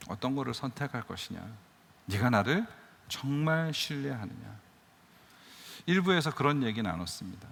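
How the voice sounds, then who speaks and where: Middle-aged guy telling his missionary story in church, lively up and down voice, big hall echo. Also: medium pitch, creaky. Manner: earnest storytelling, swells loud then drops to a murmur. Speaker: missionary surgeon guest speaker. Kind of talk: testimony sermon. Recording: long reverb of a big hall.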